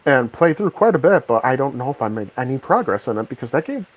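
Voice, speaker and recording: A man's voice: medium pitch, big pitch swings, fast, rough recording. Hesitant man hosting a chat podcast. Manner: hesitant, restarts sentences. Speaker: podcast host. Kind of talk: casual chat. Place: home, on voice chat. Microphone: desk mic over voice chat.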